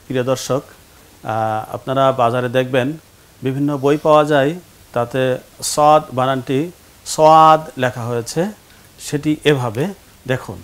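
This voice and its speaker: A man's voice: medium pitch, fairly even intonation, a little slow, long pauses, clear, resonant tone. A man teaching Quran reading in a studio classroom, patiently drilling pronunciation and quizzing his students. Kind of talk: televised classroom lesson.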